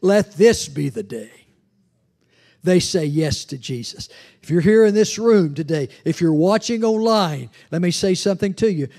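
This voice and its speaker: An older man preaching a sermon on a church stage with a handheld mic, animated and acting out the voices he quotes. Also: high-pitched. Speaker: guest preacher.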